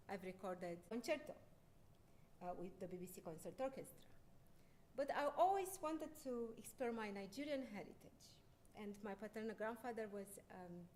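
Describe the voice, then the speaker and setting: Pianist lady lecturing at a research forum, lots of ums and restarts, bit of rumble and hiss behind. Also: a little mellow. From Romania. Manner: hesitant, many fillers and restarts. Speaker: concert pianist giving a research talk. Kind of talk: lecture presentation. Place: lecture hall. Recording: faint background noise and rumble.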